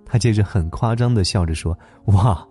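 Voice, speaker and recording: A man hosting a late-night story program, narrating a gentle tale in a calm, tender way. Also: on the low side, fairly quick. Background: soft instrumental music.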